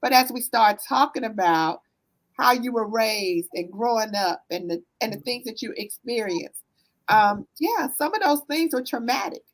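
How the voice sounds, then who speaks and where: A woman with a Southern US accent speaks as a guest therapist, earnest and conversational. Her voice sits a little high, and she leans on fillers and asks "right?" as she explains. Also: animated, moderate pace, rough recording. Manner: earnest, warm storytelling with frequent "um" and "right?". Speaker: therapist, business owner guest. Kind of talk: conversational interview answers.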